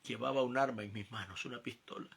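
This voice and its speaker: Gravelly preacher, emphatic. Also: male voice, medium pitch, steady tone, quick pace. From El Salvador. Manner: emphatic, swinging from quiet to loud climbs. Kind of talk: sermon testimony.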